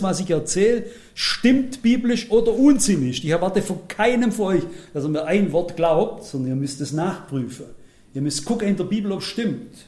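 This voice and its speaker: Blunt, self-mocking male preacher, high voice, roomy hall sound. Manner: blunt, self-mocking, shifts between loud emphatic lines and quiet asides. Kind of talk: sermon.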